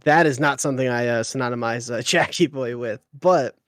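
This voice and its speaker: A man calling a live esports draft play-by-play, chatty and teasing as he banters with his co-caster. He often pauses on an "uh". The sound is close and dry, with no room around it. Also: medium pitch, fairly bright tone, no room sound.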